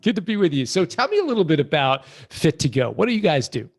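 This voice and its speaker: A man hosting a business podcast, reading a steady introduction and then asking the guest short questions. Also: a little high, fast. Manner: steady, clear delivery in intro, short prompts in interview. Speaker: podcast host.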